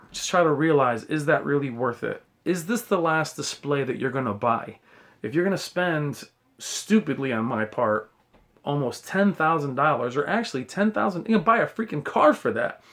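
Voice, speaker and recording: A man's voice: on the high side, a bit bright. A man giving a casual, rambling opinion monologue as a YouTube tech reviewer, addressing viewers directly with blunt, earnest cautionary advice and some mild swearing, over a faint recording hiss.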